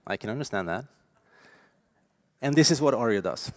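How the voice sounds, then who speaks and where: A man in his forties from Norway with a Norwegian accent, giving a lively, emphatic conference keynote with frequent fillers. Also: medium pitch, moderate pace, no room sound. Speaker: keynote speaker. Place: conference stage.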